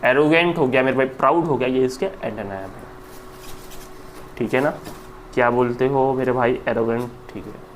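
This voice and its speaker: A man with an Indian accent teaching English vocabulary in a lively, chatty online lecture, repeating words aloud and calling listeners brother. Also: mid-range voice, moderate pace, long pauses, a little hiss or hum. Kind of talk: online exam-prep lecture.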